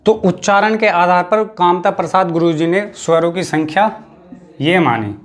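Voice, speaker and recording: High-pitched guy teaching hindi class, western up accent, repeats stuff and slows down to explain. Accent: Hindi, western Uttar Pradesh. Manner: explanatory, repeats key terms, slows for emphasis. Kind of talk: classroom lecture.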